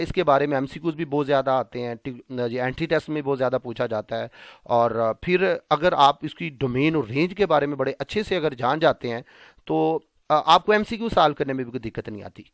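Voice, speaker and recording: A man giving a math lecture. He calls his students "beta", asks them questions and answers them himself, and reads English definitions out slowly. He speaks Hindi-Urdu with a Pakistani Punjabi accent. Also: medium pitch, no echo. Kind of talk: classroom lecture.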